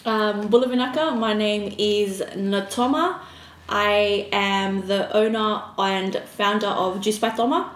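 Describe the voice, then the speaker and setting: A woman with a mid-range voice speaks a little slowly as a guest on a podcast, chatting casually in an interview. She is a small business owner, born in Fiji and raised in Australia. The room is echoey with background noise.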